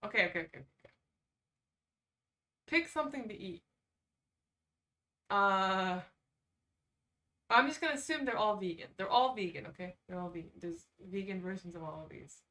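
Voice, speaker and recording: At a moderate pace and pausing often, a woman speaks in a mid-range voice with a sharp tone, far from the mic. She hosts an easygoing livestream, reading quizzes out loud and reacting spontaneously with sarcasm.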